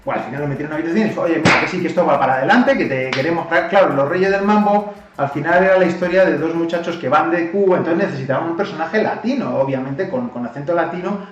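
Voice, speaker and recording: Lively Spanish host, slightly high voice, echoey and far from the mic. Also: male voice, fast, dull audio, faint music behind. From Spain. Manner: animated, acts out quoted lines with laughter. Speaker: YouTube language-learning host. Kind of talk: casual retelling and explanation.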